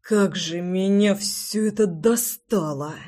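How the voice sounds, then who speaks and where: A reader doing an angry young prince. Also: male voice, high voice, moderate pace, lightly acted. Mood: heated. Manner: shouting, blunt, swearing.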